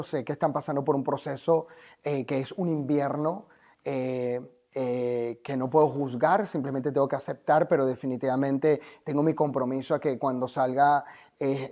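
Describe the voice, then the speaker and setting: A man's voice: mid-range voice, mellow. Earnest Venezuelan man telling his story. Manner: earnest, emphatic, motivational. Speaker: life coach, guest. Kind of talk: interview storytelling.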